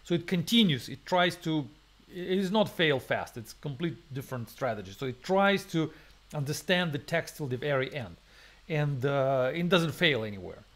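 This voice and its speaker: With a fairly high, fairly bright voice and lively intonation at a moderate pace, a man leads a programming webinar. He thinks aloud during a live coding demo, full of fillers, restarts and non-native phrasing.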